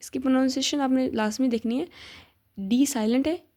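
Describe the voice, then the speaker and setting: A young woman teaching a casual grammar lesson, patiently repeating examples and spelling words out slowly. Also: high voice, a little mellow. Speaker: teacher sharing study notes.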